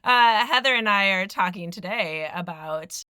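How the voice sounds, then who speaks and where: A woman's voice: medium pitch, a little slow, sharp tone, smooth, no room sound, studio quality. A woman from Philadelphia co-hosting a podcast, chatting casually and laughing easily, with lots of fillers and restarts. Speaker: podcast co-host.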